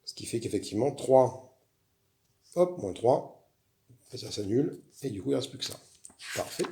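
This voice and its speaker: A man's voice: medium pitch, sing-song, moderate pace, background noise. A man chatting casually as he walks through a solo board game, rambling with frequent restarts. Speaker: board game video host.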